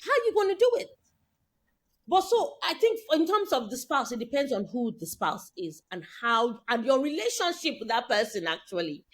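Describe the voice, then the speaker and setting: Co-hosting a laid-back conversation, this woman from Nigeria speaks at a normal speed with a fairly high pitch. Her storytelling is animated and full of quoted dialogue.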